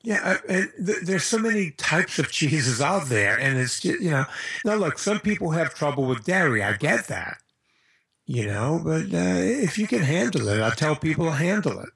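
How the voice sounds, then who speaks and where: A man's voice: a little high, sing-song, normal speed, vocal fry, fairly bright tone, husky. An American man talking casually and bluntly as an interview guest, handing out informal advice.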